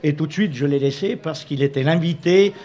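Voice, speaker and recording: A man's voice: fairly high pitch, a little fast, dark tone. A man serving as a mayor guest on a talk show, speaking politely and hesitantly, often laughing. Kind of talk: casual on-air interview.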